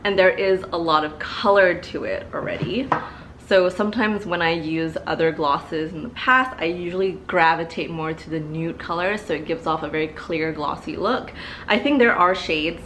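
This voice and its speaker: Sitting in front of a couch in her living room, a young woman in her twenties reviews makeup in a chatty, filler-heavy way, repeating words often; allergies make her a bit stuffy. Her voice is on the low side and a bit bright at a moderate pace, with slight background noise. She's a beauty vlogger.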